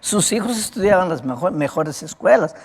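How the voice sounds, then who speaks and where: A man's voice: high-pitched, expressive, brisk. Man preaching with a cracked voice. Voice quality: cracked, broken voice. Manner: conversational preaching, often asking "right?" of listeners. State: prone to coughing. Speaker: evangelist preacher. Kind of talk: sermon.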